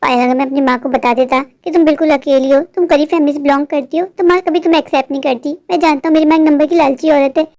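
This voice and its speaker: A woman's voice: high-pitched, steady tone, fast, hardly any pauses, darkish tone. A woman voicing a glib young cartoon husband. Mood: reassuring. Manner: reassuring, glib. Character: smooth-talking young husband, fibbing son. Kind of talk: cartoon voice acting.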